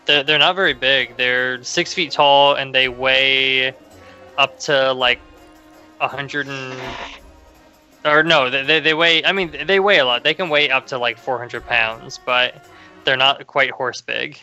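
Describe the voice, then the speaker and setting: A young man runs a tabletop game as its game master. His voice is mid-pitched and strikingly bright, and he narrates haltingly, choosing his words, with faint music underneath. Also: dull audio. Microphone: online group video call.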